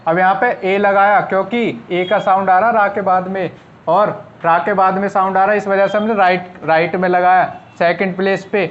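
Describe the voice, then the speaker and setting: A young man teaching a shorthand class online, explaining step by step and answering his own questions. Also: high-pitched. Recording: dull lo-fi sound.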